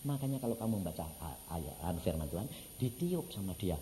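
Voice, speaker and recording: A man preaching a sermon in an animated, storytelling way, acting out the voices of the people in his stories and swinging from loud to soft. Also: sits low, fast, slight background noise. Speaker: evangelist preacher. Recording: church hall reverb, faint ambience.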